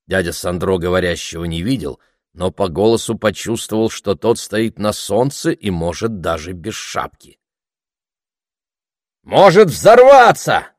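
A man's voice: low voice, moderate pace, no room sound, clean studio sound. A man narrating a novel as an audiobook, reading expressively. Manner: expressive reading, voices many characters. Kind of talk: scripted narration.

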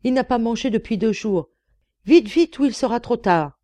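A woman playing a shaky old servant man crying out in panic, high-pitched and urgent. Her tone stays mellow and the recording is dry and close. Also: moderate pace, no echo, close to an everyday voice. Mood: panicked. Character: older man servant, frantic and trembling.

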